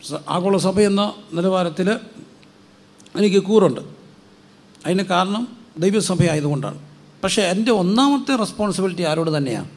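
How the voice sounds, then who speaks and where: A man preaches from the pulpit. His voice sits high and has a rough, gravelly edge. He drives the sermon with questions and call-and-response. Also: expressive, moderate pace, pauses often. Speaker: pastor.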